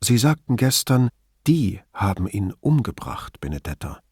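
A man voicing a calm investigator who gently questions a dying woman in a casual tone. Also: on the low side, moderate pace, husky, no room sound, clean studio sound. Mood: gentle, coaxing.

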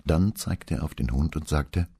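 A man narrating an audiobook in a calm, measured storytelling manner. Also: extremely low pitch, gravelly, husky. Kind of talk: scripted narration.

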